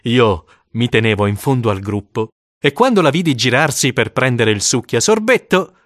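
Expressive male audiobook narrator, lively. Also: medium pitch, no echo, clean studio sound. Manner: expressive, dramatic storytelling. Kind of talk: first-person storybook narration.

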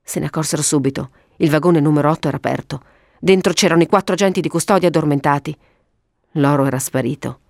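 A woman narrating a detective story in an animated reading style. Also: low voice, quick pace, creaky, dry recording, clean studio sound.

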